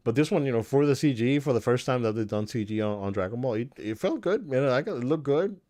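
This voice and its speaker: A man's voice: medium pitch, expressive, fast talker, dark tone. A man co-hosting a podcast, chatting casually and enthusiastically about movies, with many restarts and fillers. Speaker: podcast co-host.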